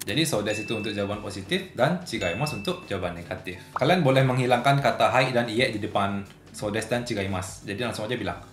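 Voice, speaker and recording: A man's voice: fairly low pitch, fast, a little hiss or hum. A man giving a casual language lesson who explains plainly and acts out short example dialogues. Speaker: Japanese language teacher. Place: indoor room at home. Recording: roomy home room with faint music.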